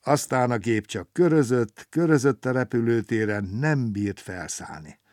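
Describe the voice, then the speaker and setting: A man reading a children's story aloud in a lively, expressive way. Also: medium pitch, no room sound, clean studio sound.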